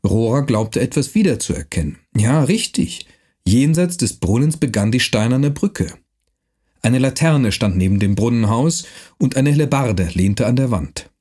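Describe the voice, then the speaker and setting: A man narrating a historical novel in a measured storytelling manner. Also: medium pitch, expressive, a little mellow, breathy edge. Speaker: audiobook narrator.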